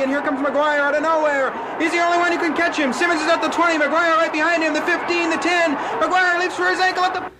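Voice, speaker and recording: A man playing an excited old-style radio announcer giving dramatic football play-by-play in a radio comedy sketch. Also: extremely high pitch. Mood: frantic excitement. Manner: breathless, dramatic build-up. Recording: clearly noisy radio skit recording.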